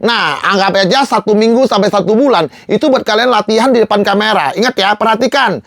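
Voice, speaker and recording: A man's voice: high voice, a little fast, fairly bright tone, no echo, studio quality. A young man coaching viewers through tutorial slides in a casual, emphatic way. He asks rhetorical questions and keeps repeating his reminders. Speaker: live-selling coach. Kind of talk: slide-based tutorial talk.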